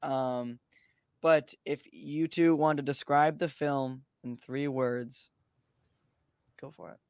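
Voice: medium pitch, fairly even intonation, takes it slowly, a little mellow, smooth, no echo, studio quality. A podcast host running a casual interview, upbeat and full of fillers and affirmations.

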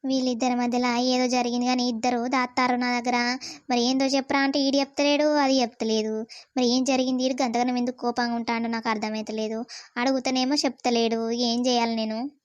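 A woman's voice: fairly high pitch, level tone, fairly quick, dry recording, lo-fi sound, lightly acted. A woman voicing a worried, nagging mother-in-law in a cartoon, questioning her son with a Telangana Telugu accent. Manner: questioning, scolding. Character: worried middle-aged mother-in-law, nagging but caring. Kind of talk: animated cartoon voice acting.

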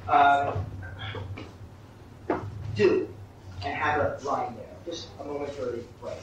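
A man coaching actors through a master class, halting and repeating words as he explains. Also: mid-range voice. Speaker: acting teacher. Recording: distant echoey room, muffled, faint hiss.

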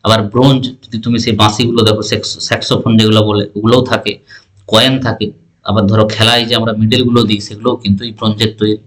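A man's voice: on the low side, level tone, very fast. Man quizzing students in a science lesson. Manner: keeps asking the listener questions to check understanding. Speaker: teacher. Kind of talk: exam-prep science lesson.

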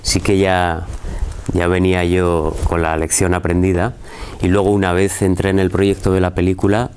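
A man's voice: low-pitched, flat delivery, normal speed, a little mellow, smooth. A man in his forties from the Basque Country, an actor earnestly answering interview questions in a press room. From Vitoria, Basque Country. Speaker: supporting actor. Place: indoor press room in front of a film poster.

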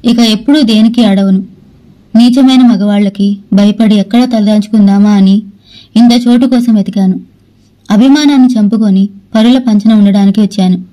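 A woman's voice: mid-range voice, fairly even intonation, moderate pace, dark tone, lightly acted, low-quality recording. A woman voicing a proud young woman who is hurt and defiant in a storybook. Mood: tearful. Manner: defiant, then sobbing.

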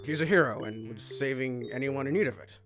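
A woman playing a male monster king in a fan audio drama, bossy yet awkwardly tender, blustering and sometimes halting shyly. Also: very deep voice, music in the background. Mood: concerned. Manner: blustering, halting when shy.

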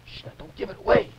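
A fussy, bossy dragon puppet. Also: male voice, on the high side, background noise. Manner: fussy, fretful, bossy, full of oohs and sighs. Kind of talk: 1950s live TV puppet show. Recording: dull early-1950s TV audio.

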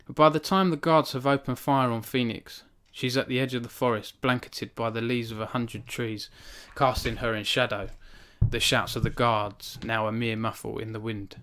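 Here a man in his thirties, an author, reads from his novel on a live stream, then chats earnestly with viewers from a small home room, using a studio microphone on a stand in front of him. He speaks in a mid-range, fairly bright voice with fairly even intonation, at a moderate pace with few pauses. His chatting is self-conscious, marked by frequent restarts and fillers.

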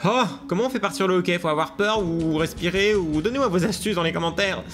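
A man commentating a video game to his viewers, excitable and laughing often, with hiccups. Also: high-pitched, fast, soft background music. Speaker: gaming YouTuber. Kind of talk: let's play commentary.

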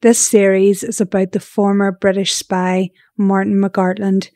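A woman's voice: mid-range voice, little pitch movement, unhurried, mellow, no room sound, studio quality. A woman hosting a podcast, speaking in scripted narration and interview questions.

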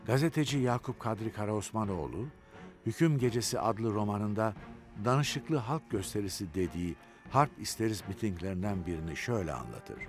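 A man narrating a history documentary from a script, measured and expressive. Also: lowish voice, faint music behind.

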